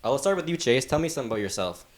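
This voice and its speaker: A man hosts a casual home podcast recorded in a basement. His pitch moves around with some liveliness as he fumbles and restarts his intro lines. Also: animated, rapid-fire. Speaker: podcast host.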